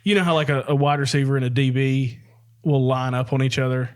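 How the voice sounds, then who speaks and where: A man's voice: mid-range voice, little pitch movement, a little fast, smooth. A young man, co-hosting a podcast in casual, rambling chat and laughing often. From American South. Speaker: podcast co-host.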